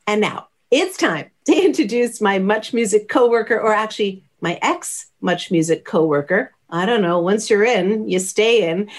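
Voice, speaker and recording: A woman's voice: medium pitch, lively intonation, moderate pace, hardly any pauses. A woman hosting an interview show, chatting in an upbeat, friendly way with her guest. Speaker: podcast host. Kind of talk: casual interview.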